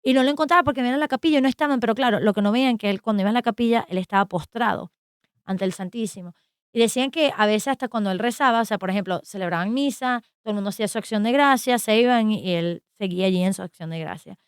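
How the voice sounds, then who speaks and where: A woman co-hosting a casual radio talk, telling stories with lively animation and many fillers. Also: medium pitch, quick pace, smooth, dry recording, clean studio sound. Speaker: co-host. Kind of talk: casual radio chat about a saint's life. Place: radio studio.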